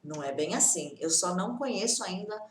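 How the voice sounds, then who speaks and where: A woman's voice: on the low side, animated, roomy sound, a little hiss or hum. A woman from Brazil teaching English in a casual online lesson, chatty and reassuring, often asking "tudo bem?". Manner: chatty, repeats reassuring tag questions; acts out students' complaints in quick bursts.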